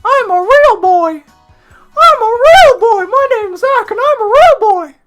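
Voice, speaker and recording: A man putting on the voice of a puppet boy who insists he is real, in a shrill sing-song squeal. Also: lively intonation, measured pace, fairly bright tone, soft background music, exaggerated voice. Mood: insistent.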